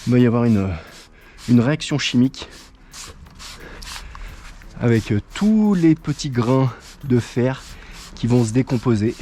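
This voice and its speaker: A man hosting his own channel, calmly walking viewers through a hands-on job step by step, with frequent hesitations as he talks. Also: medium pitch, a little slow, pauses often, slight background noise. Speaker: channel host. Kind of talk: casual how-to tutorial.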